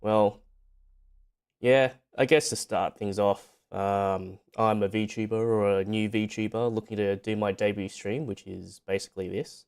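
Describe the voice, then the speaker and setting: A man's voice: fairly low pitch, steady tone, unhurried, a little mellow, clear, resonant tone. A man streaming in a casual, rambling, informal way, lightly self-deprecating as he talks to his viewers. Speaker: VTuber streamer on debut stream. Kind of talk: casual livestream chat. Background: background music.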